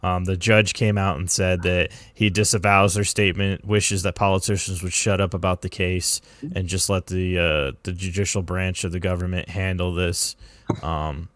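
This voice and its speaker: A man's voice: deep voice, little pitch movement, moderate pace, fairly bright tone, no room sound. A man with a Minnesota accent, a guest on a casual stream chat, explaining things hesitantly with lots of "uh"s.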